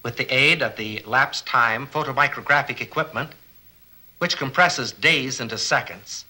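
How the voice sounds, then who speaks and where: A man of medium pitch narrates an educational documentary at normal speed, his delivery pushed and bright. He reads from a script, explaining earnestly and regularly posing rhetorical questions. The recording is low quality.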